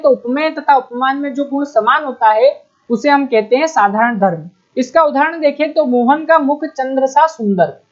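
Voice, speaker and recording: A woman teaching a Hindi grammar lesson for exam preparation. She asks questions and answers them herself, repeats key terms, and reads examples out slowly. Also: sits high. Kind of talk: exam-prep lecture. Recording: dull lo-fi sound.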